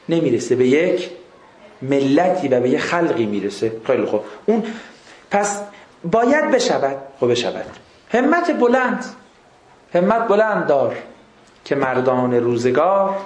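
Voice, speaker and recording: A man delivering an informal religious lecture in a high, light voice. He talks conversationally, throwing out rhetorical questions and humorous stories. The sound is echoey, as in a hard-walled room. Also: darkish tone. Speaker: religious speaker.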